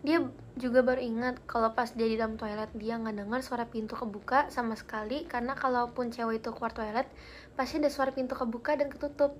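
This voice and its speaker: A woman's voice: a little high, steady tone, fast talker, slight background noise. A young woman hosting a live stream, chatting casually with viewers and telling spooky stories in a giggly way. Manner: chatty and giggly, reads comments aloud.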